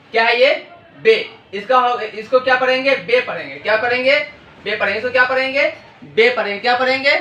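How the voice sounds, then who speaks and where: A man's voice: very high-pitched, pushed and bright. A man teaching the alphabet, asking a question and then answering it himself in call-and-response drills. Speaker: language teacher. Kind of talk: classroom-style alphabet lesson. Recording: echoey room, distant mic.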